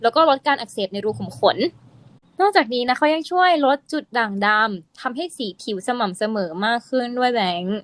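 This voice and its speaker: A woman co-hosting a podcast, explaining skincare in an animated, teasing chat style. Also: on the high side, fairly quick. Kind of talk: casual chat.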